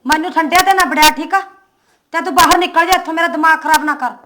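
Lady doing a quarrelsome village wife, high voice, bright, scolding. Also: fairly even intonation, fast, a little hiss or hum. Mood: angry. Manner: scolding, sharp-tongued. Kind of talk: village comedy drama.

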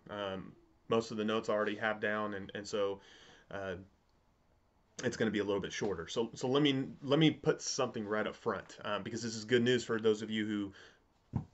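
A man in his thirties talking casually to camera as a reviewer, halting and repeating words as he thinks aloud. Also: lowish voice, highs cut off. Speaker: pipe tobacco reviewer. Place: indoors, home study with bookshelves.

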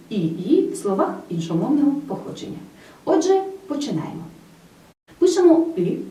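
Woman teacher, slightly high, animated lesson delivery, addresses the pupil directly; recorded from a distance in an echoey room. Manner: addresses the pupil directly, lists example words one by one. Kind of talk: school grammar lesson.

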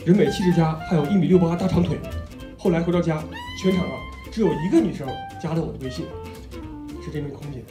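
A man with a high voice tells a stand-up routine on a small club stage. The room echoes and music plays clearly behind him. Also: quick pace. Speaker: stand-up comedian, club owner. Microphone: handheld or stand stage microphone.

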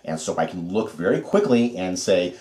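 A man's voice: sits low, very animated, moderate pace, dark tone, echoey room. A man co-hosting a podcast, giving folksy, repetitive advice in casual chat. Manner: folksy, advice-giving, repeats himself with restarts. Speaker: podcast co-host.

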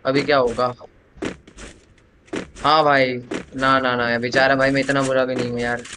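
A man's voice: mid-range voice, little pitch movement, normal speed, background noise. A young man livestreaming a shooter game, chatting and joking with teammates, switching between casual talk and English slang. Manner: joking, teasing banter with teammates, mixing in English phrases. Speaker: livestreaming gamer. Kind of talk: casual live gameplay commentary. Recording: game gunfire loud under voice. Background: game gunshots and machine-gun fire.

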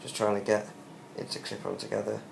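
A young British man, weak, tired and short of breath after surgery, talking haltingly in a casual video diary. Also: lowish voice, monotone, gravelly. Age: young adult. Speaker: vlogger giving a recovery update. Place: small hospital room, lying in bed. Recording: roomy echo with faint background hiss.

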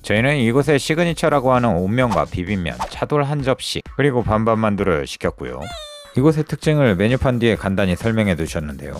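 A man's voice: on the low side, very animated, fast talker, faint music behind. A young adult man narrating a restaurant food review in an upbeat, descriptive way.

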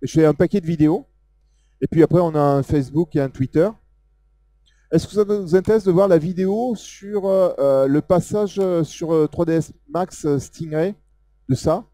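A man with a Southern French accent giving a casual live software demo, talking loosely with many fillers as he points things out on screen. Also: fairly high pitch, normal speed. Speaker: software presenter. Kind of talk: live technical demo talk.

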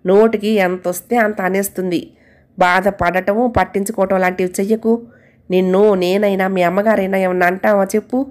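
A woman voicing a calm, patient middle-aged husband who speaks gently. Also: fairly high pitch, normal speed, close to an everyday voice. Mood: gentle. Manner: gentle, soothing.

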